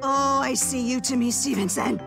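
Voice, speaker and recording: A woman's voice: sits high, moderate pace, vocal fry, music in the background. A woman as a teasing homeowner over a doorbell speaker.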